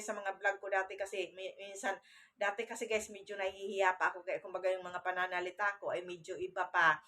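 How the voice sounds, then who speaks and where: Chatty woman, bright voice. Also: medium pitch. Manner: chatty, says "guys" often, many restarts. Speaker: vlogger on amulets and folk spirituality. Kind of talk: casual talk to camera. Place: home, alone with a camera.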